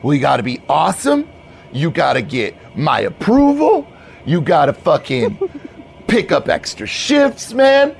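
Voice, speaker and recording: A man voicing a hyped-up, profane young male bro manager who shouts and swears with manic enthusiasm during a tabletop game. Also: a little high, wildly swooping pitch, a little slow, creaky, slight background noise, pitched above the performer's own voice, heavily acted. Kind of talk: tabletop role-play character voice.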